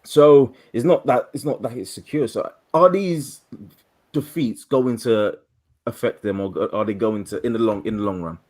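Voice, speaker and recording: A man's voice: medium pitch, moderate pace, a little mellow. A man on a remote call to a football podcast, running through scores and standings and thinking aloud. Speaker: podcast guest. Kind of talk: casual football chat. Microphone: remote call with dropouts.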